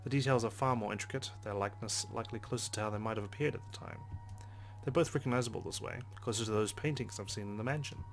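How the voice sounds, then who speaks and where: With game music playing behind him, a let's play host reads a visual novel aloud, narrating expressively and tossing in casual asides. His voice runs on the low side, and he talks fast.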